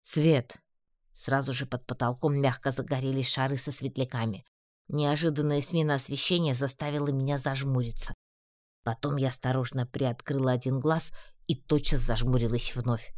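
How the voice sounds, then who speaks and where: Woman, first-person audiobook narration, ironic, low voice, dry close recording. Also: darkish tone, dry recording.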